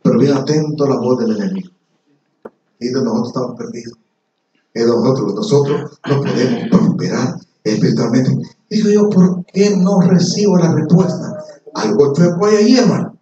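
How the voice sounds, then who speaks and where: A male pastor preaching a sermon in an animated way, calling his listeners "brother" again and again. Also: medium pitch, moderate pace, slight background noise. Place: church service before a congregation. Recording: echoey church hall, mic far off, dull lo-fi sound, congregation audible.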